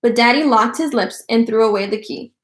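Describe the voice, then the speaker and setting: A woman's voice: a little high, fairly quick, lightly acted. A woman voicing a spoiled, bragging rich little girl who talks in a boastful, bouncy way, read aloud from a storybook. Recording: roomy echo.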